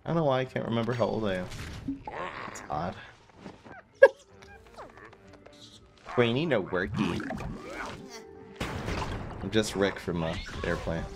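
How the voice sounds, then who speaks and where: A male streamer in his 30s offers loose, self-mocking play-by-play of his game, chatting and reading chat aloud over game music in a small indoor room. His voice is lowish and creaky, at a measured pace with long pauses.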